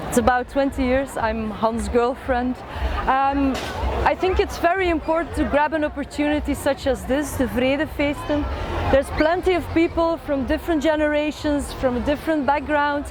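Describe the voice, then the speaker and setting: A middle-aged woman from Belgium speaks in a high, bright voice, earnest and explanatory, pausing now and then to find her words. She is interviewed at an outdoor festival stand. Crowd chatter and steady street noise fill the background. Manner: earnest, explanatory, a few hesitations. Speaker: volunteer for a support group. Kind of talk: short interview at an event stand.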